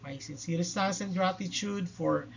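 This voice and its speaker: A man's voice: sits high, unhurried, creaky, slight background noise. A man teaching a linguistics lecture, explaining step by step and checking in with "no?" and "okay?" tags. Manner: explanatory, with frequent "no?" and "okay?" check-ins and "uh" fillers. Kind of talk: recorded lecture. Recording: dull lo-fi recording.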